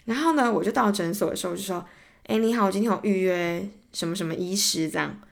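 A fast-talking young woman with a creaky, medium-pitched voice and a Taiwanese Mandarin accent hosts a solo podcast. She animatedly retells stories, voicing both sides of arguments, and gets heated and exasperated in a casual ranting way.

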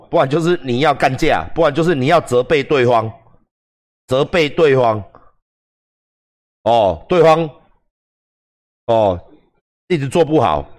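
A man with a Taiwanese accent giving crude, profane, joking livestream commentary. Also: medium pitch. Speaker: streamer.

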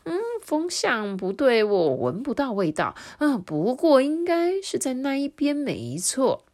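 A sly, greedy one-eared wolf savors the thought of his next meal in a storybook reading, as a woman puts him on. He talks slowly and with relish. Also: high voice, sing-song, a little mellow, voice pushed up. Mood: sniffing cautious.

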